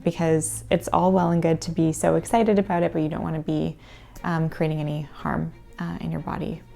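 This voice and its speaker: A woman giving explanatory advice as a coach in an interview, in a measured, instructive manner. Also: low voice, level tone, vocal fry, dark tone, soft background music. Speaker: cold exposure coach.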